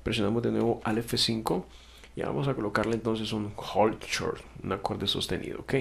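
A man with a lowish voice and vocal fry guides viewers through music software in a step-by-step screen recording, speaking at normal speed with fairly even intonation. He's patient, corrects himself along the way, and keeps checking with "ok?".

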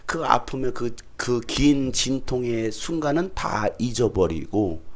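A middle-aged male pastor preaching a sermon in a church, telling a story with lively shouts, laughter and acted-out voices. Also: mid-range voice, slow pace. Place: church sanctuary.

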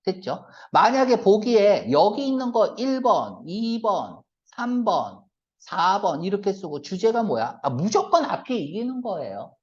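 Man, exam-prep lecture, brisk teacher, rhetorical questions, very expressive pitch. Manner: brisk, fires rhetorical check-questions at students; switches between polite and blunt casual speech. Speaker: English reading teacher. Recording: lo-fi lecture recording.

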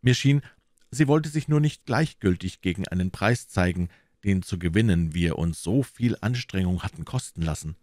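A man narrates a classic novel in a very low, measured voice. It is recorded on a close mic in a dry space with no room echo. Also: expressive, darkish tone. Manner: measured, storytelling. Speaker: audiobook reader. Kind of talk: audiobook narration.

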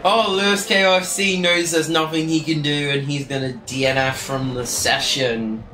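A man's voice: a little high, fairly even intonation, moderate pace, sharp tone, slight background noise. A man giving chatty, joking, off-the-cuff live commentary on a sim race from his home streaming setup. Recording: roomy echo, faint music behind.

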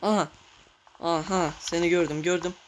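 A man giving casual, excitable commentary while playing a mobile game, cursing and talking to his viewers. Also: on the high side, moderate pace, very noisy. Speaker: gamer.

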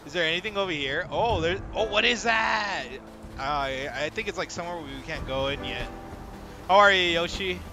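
A man streaming a video game live, reacting excitedly, chatting with viewers and swearing casually. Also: high voice, normal speed. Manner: excitable, chatty, talks to chat. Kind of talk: live gameplay commentary. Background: game music.

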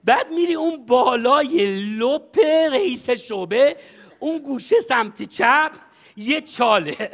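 A man's voice: extremely high pitch, expressive, a bit bright. A man in a comedy sketch, bossily coaching someone with brash advice and frequent laughter. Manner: brash, bossy, laughs often while coaching. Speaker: comic advisor in a sketch. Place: studio stage.

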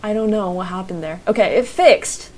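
A woman's voice: medium pitch, moderate pace, a little mellow. A young woman hosting a casual live stream, self-deprecating and apologetic, often breaking into giggles. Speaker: streamer and tutorial host.

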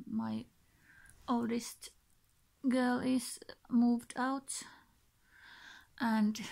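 Introducing her vlog channel from a small bedroom, a Finnish woman in her thirties talks to camera casually, unscripted and hesitant, in short, breathy, halting phrases and a Finnish accent. Her fairly high voice has a dark tone, recorded by a built-in device mic close to her face.

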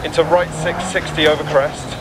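Loud engine and tyre noise surrounds a focused male rally co-driver played by an actor in a racing game. He calls rapid pace notes in a slightly high voice. The phrases are clipped, businesslike and urgent. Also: little pitch movement, close to an everyday voice. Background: racing car engine, gravel and tyre noise.

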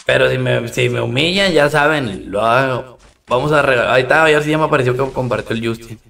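Slangy Mexican gamer streaming live. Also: male voice, mid-range voice, brisk, gravelly, a bit bright, far from the mic. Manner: slangy, greets and thanks chat viewers between rounds. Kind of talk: casual live-stream game commentary.

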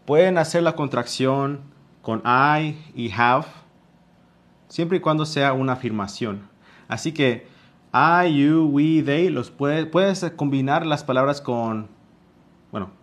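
In a live online class, a male English teacher with a Mexican Spanish accent patiently works through grammar, drawing out his examples. His mid-range voice moves at an unhurried pace.

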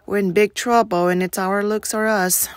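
A quiet, resigned teenage greaser boy, speaking low and subdued, as a woman reading aloud voices him. The sound is dry and close. It is a storybook reading with plain, low-key lines. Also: steady tone, moderate pace, no room sound, close to an everyday voice. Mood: firm.

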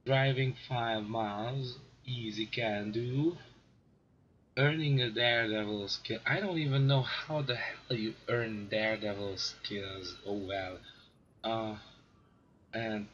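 Hoarse raspy man, slow gameplay chatter. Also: on the low side, fairly even intonation, fairly bright tone, dull audio, slight background noise. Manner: rambling, self-mocking, clears throat often. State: hoarse from a cold. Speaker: gaming video host. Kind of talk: casual gameplay commentary.

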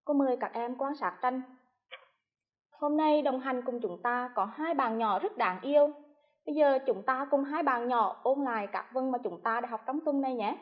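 A female primary school teacher gives a televised lesson to first graders. Her high voice moves slowly and spells things out with careful, clear articulation, though the recording is muffled.

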